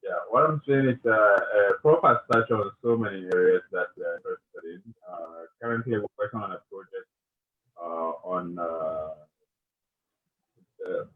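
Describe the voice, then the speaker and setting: Low man, wobbly call audio. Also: moderate pace. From Ghana. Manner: hesitant, many fillers. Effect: wobbly, warbling call audio that keeps breaking up. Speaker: webinar participant asking a question. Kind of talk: question on an online call. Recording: thin phone-like online call line.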